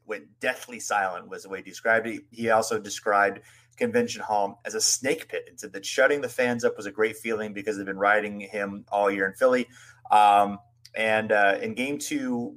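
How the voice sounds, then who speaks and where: A fairly low-pitched man hosts a casual sports history podcast. He recounts old games and stats in a loose, rambling way, with frequent fillers and restarts. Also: a bit bright. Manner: loose, filler-heavy narration with many "you know"s. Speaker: podcast host.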